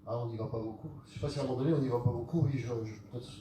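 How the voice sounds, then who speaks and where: A middle-aged man in the audience, heard from a distance in a very echoey hall with a crowd around him. He speaks quickly but hesitantly, stumbling as he tries to answer. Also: medium pitch, dark tone, a little hiss or hum. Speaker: audience member being read. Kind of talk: hesitant replies.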